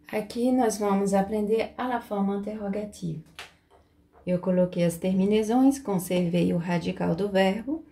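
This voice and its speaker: Slow, patient woman teaching French. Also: mid-range voice, warm tone. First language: Portuguese. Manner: patient, repeats each point carefully. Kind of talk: slow explanatory lesson.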